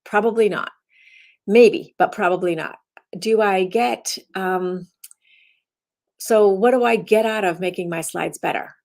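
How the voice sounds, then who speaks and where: Gravelly-voiced woman chatting casually. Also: mid-range voice, a little slow, long pauses, a little mellow. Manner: rambling and chatty, restarting sentences. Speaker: instructor giving a daily message. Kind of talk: casual self-recorded talk.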